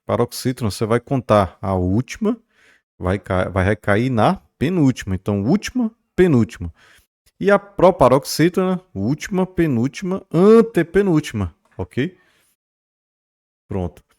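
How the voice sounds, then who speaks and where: Unhurried and sing-song, with a medium-pitched, slightly mellow voice, a man explains grammar in a recorded lesson. He keeps asking his students "beleza?" and "né?" and lengthens stressed syllables to model pronunciation.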